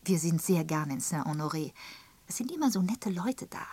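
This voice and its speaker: A woman reading the part of a gossiping, sharp-tongued spinster in an audiobook, pointed and emphatic in tone. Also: on the low side, animated, moderate pace, slightly rough. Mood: gossipy. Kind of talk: audiobook character voice.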